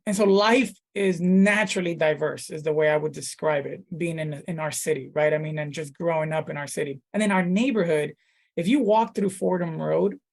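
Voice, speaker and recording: Gravelly-voiced pastor from the Dominican Republic. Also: male voice, fairly high pitch. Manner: thoughtful, many fillers and restarts. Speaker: pastor, guest. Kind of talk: casual interview talk.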